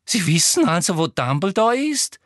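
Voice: medium pitch, sing-song, normal speed, fairly bright tone, no room sound, clean studio sound, voice pushed up. A reader voicing an eager, pushy middle-aged woman official in an audiobook, asking insistent questions. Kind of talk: audiobook character voice.

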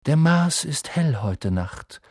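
A man voicing a melancholy, evasive male centaur in an audiobook, speaking slowly and solemnly with sighs. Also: medium pitch, expressive, dark tone, no echo, clean studio sound. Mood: cryptic. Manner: slow, solemn, sighing. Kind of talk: audiobook character voice.

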